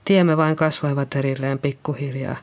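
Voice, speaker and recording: Reading a character from an audiobook, the narrator portrays a shaken nurse in middle age who is being interviewed by police and keeps faltering and apologizing. Her mid-range voice is fairly even and a little mellow, close to how someone normally talks, and the mood is nervous.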